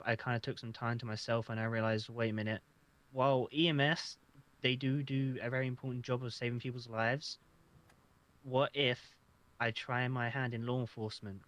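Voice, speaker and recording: A man's voice: medium pitch, fairly bright tone. A man answering interview questions in an earnest, hesitant way, often stammering and restarting. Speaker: job applicant. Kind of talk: casual roleplay interview.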